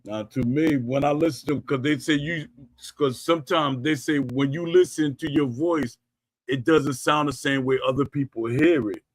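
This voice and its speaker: A middle-aged podcast host tells stories in a casual livestream chat, rambling, frequently restarting and correcting himself, and reading out live chat comments. His voice is fairly high and normal in speed, on a dry, low-quality recording.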